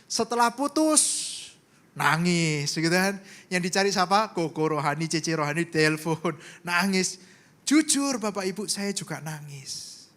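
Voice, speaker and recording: Indonesian man, high voice, preaching in church, animated storyteller, swings loud to soft. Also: unhurried. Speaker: pastor. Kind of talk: sermon.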